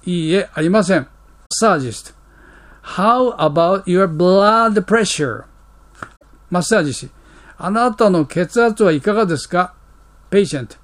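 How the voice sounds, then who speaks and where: A man teaching English, reading out short dialogue lines and explaining them with fillers. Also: fairly high pitch. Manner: reads English lines slowly, then explains quickly with fillers.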